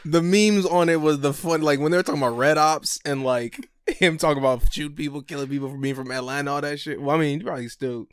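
A man's voice: fairly high pitch, fairly even intonation, fast, few pauses, smooth, no room sound. A young man co-hosting a podcast, laid-back and slangy, swearing freely in casual chat. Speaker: podcast co-host.

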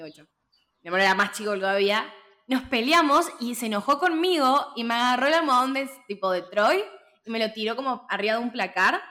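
A woman in her twenties with a Rioplatense Spanish accent, co-hosting a film podcast and telling stories in casual, slangy chat. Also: mid-range voice. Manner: animated storytelling with laughter, slangy. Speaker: podcast co-host.

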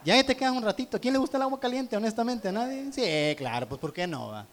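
A man's voice: very high-pitched, expressive, fast. A man with a Mexican accent, preaching a sermon through a humorous personal story, teasing the congregation. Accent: Mexican Spanish.

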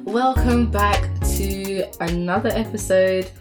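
A woman's voice: on the low side, moderate pace, music in the background. A young woman with a British accent, hosting a podcast in a casual, chatty style. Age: young adult. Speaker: podcast host. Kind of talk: casual chat.

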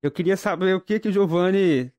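A man's voice: sits high, a little fast, a little mellow. A young man hosting a casual interview, polite and informal, addressing his guest respectfully. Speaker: student interviewer, host.

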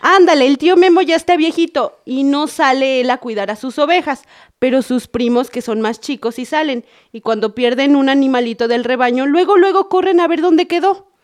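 A woman playing a Mexican mother in a family skit with a high, bright voice. She is stern when the kids misbehave, then patient and gentle as she explains things to them. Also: moderate pace, natural voice. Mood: explaining.

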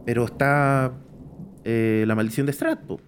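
Chilean male podcast host, mid pitch, halting with fillers, faint background hiss. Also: fairly even intonation. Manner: hesitant, many fillers and restarts. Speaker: podcast host discussing tabletop horror games. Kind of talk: casual podcast chat.

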